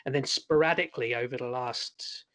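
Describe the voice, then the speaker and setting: A man co-hosting a horror podcast in casual chat, talking hesitantly with pauses and restarts. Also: mid-range voice, a bit bright. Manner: hesitant, many fillers and restarts. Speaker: podcast co-host.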